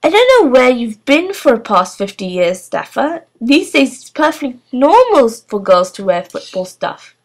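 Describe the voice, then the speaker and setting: A woman playing a bright, cheerful teacher. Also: a little high, very animated, normal speed, hardly any pauses, voice pushed up. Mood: amused. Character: kind, jolly woman schoolteacher, middle-aged.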